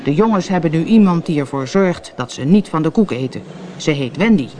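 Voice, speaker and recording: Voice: medium pitch, lively intonation, fairly quick, mellow, a little hiss or hum, natural voice. A storyteller from the Netherlands voicing a blustering, threatening male pirate captain in a storybook reading. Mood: scheming. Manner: bellowing, threatening.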